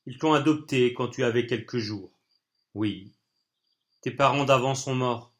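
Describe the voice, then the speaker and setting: A man reading an audiobook, voicing a wise old man over 60 who speaks in a calm, grave, measured way. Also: mid-range voice, lightly acted.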